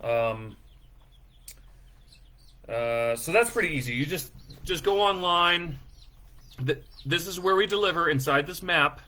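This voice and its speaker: A man's voice: a little high, a little slow, pauses often, bright, forceful tone. A man presenting the season details for his farm in a casual, rambling way, with lots of fillers and self-deprecating asides. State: feeling sick after overeating.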